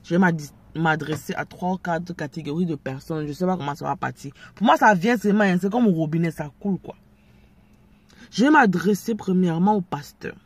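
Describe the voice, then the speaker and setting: Husky speaker with Ivorian French accent. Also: mid-range voice, fairly quick, no room sound. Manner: preachy, confrontational, addresses viewers directly. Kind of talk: direct-to-camera commentary.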